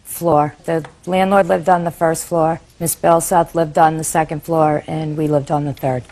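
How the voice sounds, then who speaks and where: A woman's voice: deep voice, little pitch movement, moderate pace, a little mellow, low-quality recording. A woman answering questions as a litigant in a TV courtroom.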